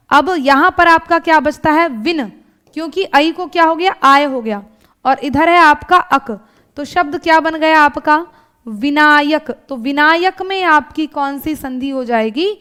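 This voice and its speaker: High-voiced woman teaching grammar. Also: a little slow, sharp tone. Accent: Hindi, North Indian. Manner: explains step by step, asking rhetorical questions; often adds checking tags like "thik hai" and "hai na". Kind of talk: exam-prep grammar lesson.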